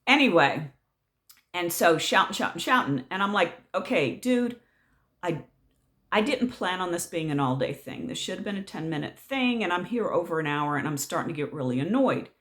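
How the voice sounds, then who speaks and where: A middle-aged woman telling a story straight to her channel in a loose, ranting way. She sounds exasperated and sarcastic, with animated swings in her delivery. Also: lowish voice, brisk. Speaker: vlogger. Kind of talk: casual storytelling rant.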